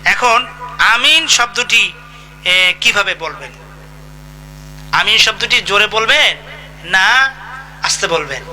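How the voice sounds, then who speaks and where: An Islamic preacher with a high, bright, forceful voice delivers an emphatic sermon slowly and expressively, leaving long pauses and putting rhetorical questions to his listeners. Faint music plays behind this low-quality recording.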